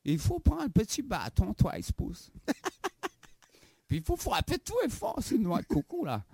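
Doing a full character voice, a man plays a goofy, bragging African visitor to Canada in a comedy interview sketch, giggling, constantly naming the host and adding filler tags to phrases. His voice sits high with huge pitch swings, creaky and with a breathy edge, at a measured pace in a dry recording.

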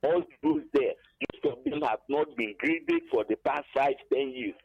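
A man's voice: mid-range voice, normal speed, gravelly, slight background noise. An older Nigerian man calling in to a radio show, hesitating over many fillers and building into emphatic complaints over a dull phone line. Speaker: caller.

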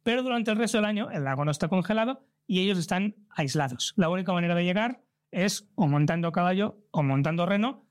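A man's voice: sits high, lively intonation, quick pace, few pauses, dry recording, clean studio sound. A man from Barcelona with a Spanish accent, a travel creator earnestly answering interview questions about travel. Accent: Spain. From Barcelona, Spain. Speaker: travel content creator and trip organizer.

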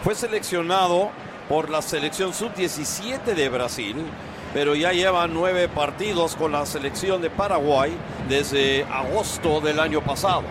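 A man calls live play-by-play of a soccer match from an open-air stadium, his fairly high voice keeping a measured pace. The broadcast is noisy, with crowd chants and stadium ambience behind him.

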